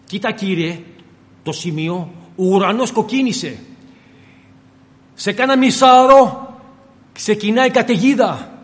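A man's voice: high voice, pauses often, big-room sound, voice pushed up, lightly acted. A preacher acting out a stubborn fisherman. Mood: stubborn, insistent. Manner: insistent, lecturing, rising emphatic delivery.

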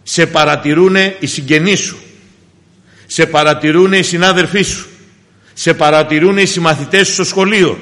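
Fervent preacher in a reverberant hall. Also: male voice, a bit bright. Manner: fervent, addresses the congregation as brothers, rises in emphatic bursts and drops low. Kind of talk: sermon with personal testimony.

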